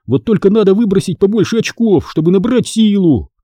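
A man voicing a determined, excitable young boy who shouts his plans in a storybook reading. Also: high-pitched, brisk, dry recording, studio quality, voice pushed up. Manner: shouting, eager.

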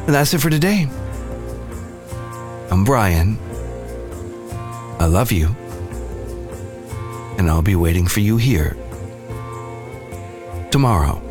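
Earnest man praying over soft music. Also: lowish voice, very animated, takes it slowly, pauses often. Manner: earnest, gentle and heartfelt. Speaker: podcast host. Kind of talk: devotional reflection and prayer.

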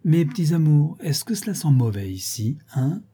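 A man voicing an effusive, teasing French theatre director in a storybook reading, pitched above his narrating voice. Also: very animated, moderate pace, mellow, slightly rough. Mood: jovial. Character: jovial, talkative middle-aged French theatre director.

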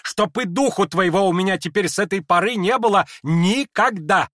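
Man doing a proud old noblewoman, shrill scolding outbursts, very high, swinging wildly, dry close sound. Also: expressive, moderate pace, fairly bright tone, dry recording. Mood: indignant. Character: hot-tempered proud older noblewoman. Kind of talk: dramatized audiobook reading.

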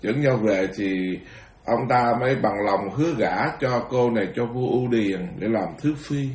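Man, Buddhist monk, animated storytelling sermon, laughing asides, roomy echo. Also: medium pitch, a little slow. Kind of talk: dharma talk storytelling.

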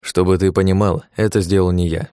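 A man voicing a weary, sardonic male dark mage who talks with dry, tired sighs. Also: low voice, little pitch movement, fairly quick, smooth, no room sound, lightly acted.

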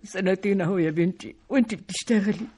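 A woman's voice: medium pitch, quick pace, mellow, lightly acted. A woman playing a sick, tearful Egyptian mother. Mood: tearful tender. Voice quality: husky, tearful. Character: ailing mother, tender and worried. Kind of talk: radio drama acting.

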